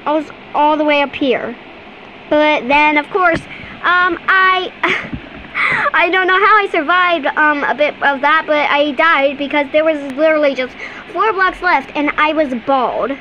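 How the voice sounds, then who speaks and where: A woman's voice: sits high, a little slow, pushed and bright, dull audio, a little hiss or hum. A female gamer chatting casually and giggling as she plays, with lots of ums along the way, at home at her computer. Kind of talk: casual game commentary.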